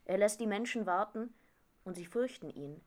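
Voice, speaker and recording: A woman's voice: mid-range voice, lively intonation, normal speed, close to an everyday voice. A woman reading a storybook, voicing a curious, eager king from hot lands who is full of wonder.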